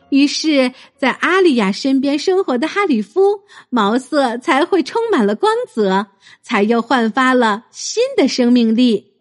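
Woman reading a kids story, high lively voice, slow and gentle, faint music behind. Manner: gentle, expressive. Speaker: children's storyteller. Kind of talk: bedtime story narration.

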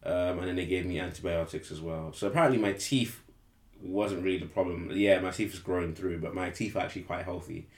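A man's voice: deep voice, brisk, reverberant. A young man, chatting casually as a podcast co-host, rambling and correcting himself, laughing easily. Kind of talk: casual chat.

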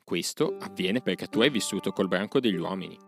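A man voicing a wise old panther who speaks in measured, mocking asides in a storybook reading. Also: low voice, creaky, music in the background. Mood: sardonic.

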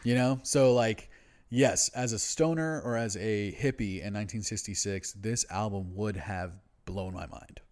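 Low-pitched laid-back stoner guy, co-hosting. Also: measured pace, a little mellow. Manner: laid-back stoner talk, slangy and sweary. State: habitually high on cannabis. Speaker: podcast co-host. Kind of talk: casual album discussion.

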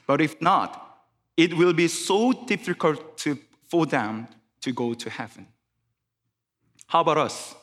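In a church sanctuary with a long reverb tail, a guest preacher, a man whose first language is Korean, preaches in careful English with a Korean accent. He frequently starts phrases over. His voice is slightly high, fairly bright, and unhurried.

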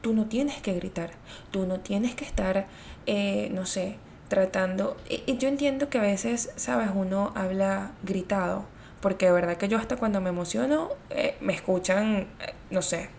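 A woman, a video host giving communication tips in a chatty, expressive way, talking straight to her viewers. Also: medium pitch, normal speed, gravelly, slight background noise. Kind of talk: casual explainer talk.

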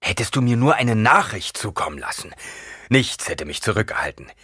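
A man voicing a gruff, emotional male veteran warrior who booms when he calls out, in an audiobook. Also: big pitch swings, normal speed, no room sound, studio quality, heavily acted. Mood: stunned, earnest. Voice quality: loud, booming when calling out.

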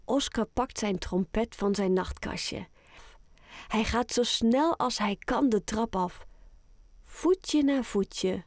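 A woman narrating a children's audiobook in a clear, gentle storytelling manner. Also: medium pitch, slow, dry recording.

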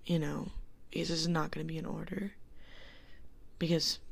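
A woman's voice: deep voice, flat delivery, moderate pace, gravelly, slightly rough. A young woman talking on her own podcast from her dorm room into a small handheld mic, rambling and giggly with lots of fillers, often half-whispering. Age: young adult. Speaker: podcast host. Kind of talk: casual solo chat.

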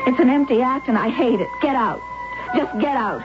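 This woman's voice sits high and stays close to how she'd sound every day, moving at a normal pace. She plays the narrator and lead of a 1970s radio drama, an anguished young wife in a wheelchair recounting her own story with intense pleading that gives way to despair. It comes through as a muffled old broadcast with music underneath.

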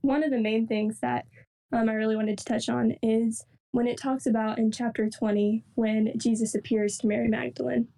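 A young woman, a campus ministry coordinator, giving an earnest, unhurried devotional reflection with soft fillers. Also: fairly high pitch, little pitch movement, vocal fry, distant mic, low-quality recording.

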